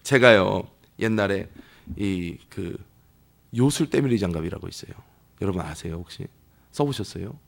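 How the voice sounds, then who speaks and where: A pastor preaching a sermon in a church, telling stories with lively, acted-out voices. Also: male voice, sits low, moderate pace, vocal fry. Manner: lively storytelling that acts out quoted people. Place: church sanctuary.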